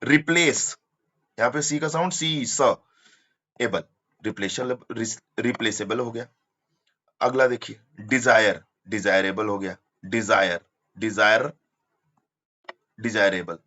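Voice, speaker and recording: A man's voice: lowish voice, measured pace, pauses often, bright, forceful tone. A man teaching an exam-prep English lesson, explaining step by step and spelling words out letter by letter.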